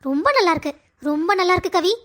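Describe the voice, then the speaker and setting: A woman's voice: extremely high pitch, fast, background noise. A woman voicing a spiteful young woman in a cartoon drama, speaking in a sarcastic, accusing way.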